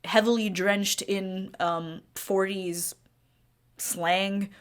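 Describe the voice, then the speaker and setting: A woman's voice: medium pitch, steady tone, drawn-out words, clear, resonant tone. Opinionated woman narrating a video essay. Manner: opinionated, critical. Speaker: video game critic.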